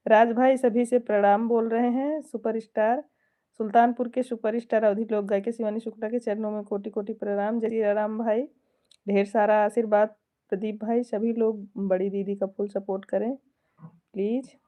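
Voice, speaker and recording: A woman who sings folk songs, from the Awadh region of India, chats casually on a live stream, reading viewer comments aloud, chuckling frequently and swapping devotional greetings in Awadhi-tinged Hindi. Her voice is a little high and mellow, with a level tone and moderate pace.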